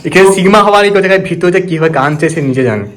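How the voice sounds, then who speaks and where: High-voiced man in a roomy echo. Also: expressive, rapid-fire, a bit bright. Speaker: challenge vlogger. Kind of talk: casual prank-challenge chat among friends. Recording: roomy echo, some background noise.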